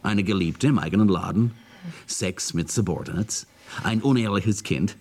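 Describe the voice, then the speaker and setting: Playing a sneering corporate spy for a radio drama, this man speaks at a normal speed in a lowish, slightly mellow voice. The cynical character scoffs as he drops English phrases into his German lines.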